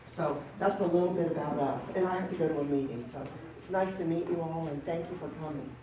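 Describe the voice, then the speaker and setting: A woman's voice: deep voice, fast talker, warm tone. A woman running a community program, speaking informally with fillers to an audience in a meeting room. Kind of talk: casual talk to an audience. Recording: very echoey room from far off, faint noise.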